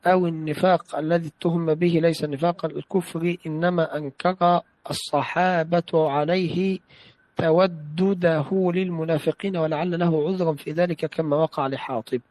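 A man's voice: fairly high pitch, a little mellow, no echo, rough recording. A man reading a classical text aloud in a study session, carefully reciting and repeating phrases when corrected.

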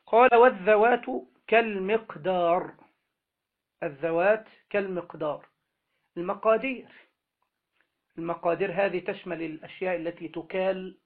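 Male grammar teacher, high-pitched, slow and drawn-out, quizzing the class; tinny phone-like audio. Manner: slow, drawn-out delivery with question-and-answer prompts.

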